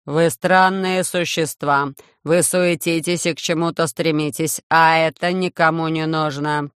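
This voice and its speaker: A reader voicing a loud, harsh metallic robot ruler who speaks in slow, measured commands in an audiobook. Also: mid-range voice, level tone, clear, resonant tone, dry recording, studio quality, natural voice. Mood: cold commanding. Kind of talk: audiobook reading.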